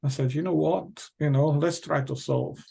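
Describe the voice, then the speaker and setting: A man's voice: on the high side, normal speed, creaky, mellow, slightly rough. A middle-aged man with a Portuguese accent, a company founder talking casually as an interview guest, hesitant with many fillers and restarts.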